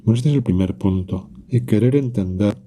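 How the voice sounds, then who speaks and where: A man with a fairly low, very dark and mellow voice, leading a quiet prayer meditation. He talks calmly and reflectively, addressing Jesus directly and pausing often between phrases. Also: slight background noise. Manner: calm, reflective, speaks directly to Jesus with pauses.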